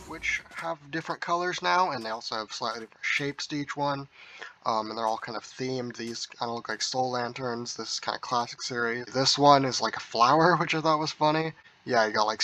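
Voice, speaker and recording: Bright-voiced man on a low-quality stream. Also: slight background noise. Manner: relaxed, rambling, with frequent ums and hedges. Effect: low-quality audio capture. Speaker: mod review video host. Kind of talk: casual gameplay walkthrough.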